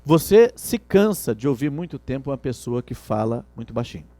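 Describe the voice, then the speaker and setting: A man's voice: medium pitch, sing-song, moderate pace, warm tone. A middle-aged man gives a lecture on customer service, teaching by asking the class rhetorical questions. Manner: didactic, asks rhetorical questions. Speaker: instructor.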